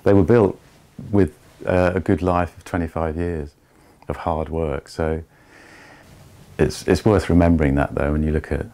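Deep-voiced man explaining on a tour. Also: steady tone, warm tone. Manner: measured, explains step by step. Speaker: barge restorer giving a tour. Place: inside the wooden hold of an old sailing barge.

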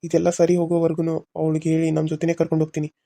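A man's voice: a little high, monotone, very fast, gravelly, mellow, no room sound. A man voicing a moody young husband in a cartoon serial, brooding and harsh by turns. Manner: brooding, harsh, then pleading. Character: young husband, moody, torn between two women.

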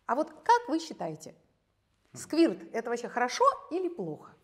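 A woman in her late fifties speaks with a slightly high voice, giving careful, academic explanations that turn animated when she tells a story. She is seated in a bright studio and picked up on a lapel mic. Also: normal speed. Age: 50s. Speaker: gynecologist guest expert. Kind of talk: conversational expert explanation.

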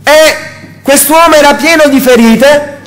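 A man's voice: very high-pitched, unhurried, a bit bright. An Italian man preaching a sermon in a church hall, in short impassioned phrases that rise as he goes. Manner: impassioned, rising preaching cadence.

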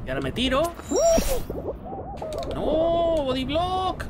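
A young man with a Spanish accent from Spain, commenting casually and excitably on his own gameplay as a gaming YouTuber. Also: very high voice, slow, heavy background noise. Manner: excitable, exclaims and jokes loudly at the game.

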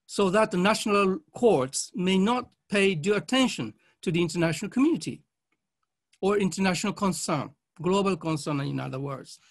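A high-pitched man, a legal academic, presents formally at a conference, reading with slides. He is animated, though his delivery is measured and halting, in short phrases.

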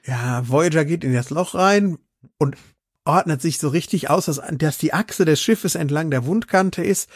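A male podcast co-host retells a story eagerly, slipping into the characters' lines as he goes. His voice is a bit higher than average. The recording is close and dry, with almost no room sound. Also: a little slow, breathy edge, dry recording. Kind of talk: casual chat retelling an episode.

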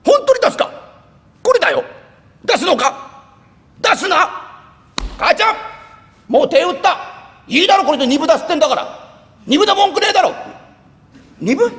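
A man voicing a brash, rough-spoken townsman who haggles pushily and gets excited. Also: extremely high pitch, brisk, long pauses, voice pushed up, full character voice. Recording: reverberant live hall.

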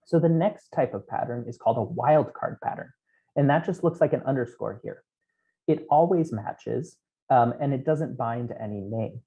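A creaky yet warm medium-pitched voice belongs to a man in his thirties presenting a technical conference keynote at a normal speed. He breaks down code step by step, with frequent ums, from a small home room indoors. Captured on a headset, the remote audio is dull and lo-fi.

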